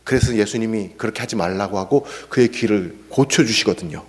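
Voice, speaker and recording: A man's voice: fairly low pitch, brisk. A male pastor preaching an expository sermon, acting out the scripture voices. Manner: animated, acts out scripture quotes. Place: church sanctuary. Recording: echoey church hall.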